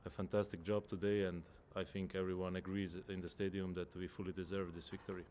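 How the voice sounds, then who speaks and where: A man in his thirties, a footballer, answering press conference questions in a measured way and searching for words, at a table microphone in an indoor press room. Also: sits low, little pitch movement, a little mellow, a little hiss or hum. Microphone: table microphone in front.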